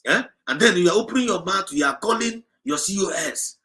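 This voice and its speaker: A man with a Nigerian accent hosts a livestream, passionately urging his listeners on and switching between English and Igbo as he repeats his points. His voice is high, fairly quick and lively in intonation, with a pushed, bright sound and a breathy edge.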